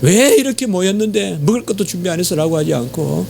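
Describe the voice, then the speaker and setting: A man's voice: animated, quick pace, vocal fry, a little mellow, a little hiss or hum. A middle-aged man with a Gyeongsang Korean accent preaching a sermon as pastor, emphatic, with frequent affirming fillers. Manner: emphatic, pitch leaps on exhortations, frequent "예" fillers. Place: church sanctuary.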